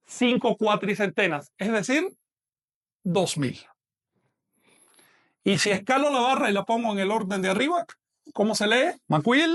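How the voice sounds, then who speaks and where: A man's voice: high voice, fairly bright tone. A man teaching a live online lesson, patiently explaining step by step and asking questions that he then answers himself.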